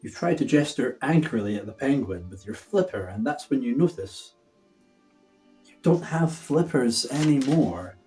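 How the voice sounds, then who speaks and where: A man's voice: mid-range voice, animated, moderate pace, mellow, soft background music, poor audio. A man giving a hammy, theatrical stage-actor reading of a children's story, drawing words out for drama.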